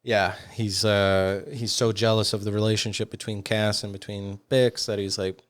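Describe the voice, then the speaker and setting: A man's voice: lowish voice, flat delivery, moderate pace. A man co-hosting a podcast in casual chat, rambling with frequent ums and uhs. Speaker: podcast co-host.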